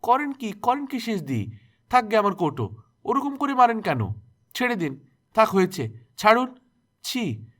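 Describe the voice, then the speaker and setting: A man's voice: sits high, expressive, a little fast, fairly bright tone, voice pushed up. A man voicing a kind neighbour woman who pleads urgently. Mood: pleading.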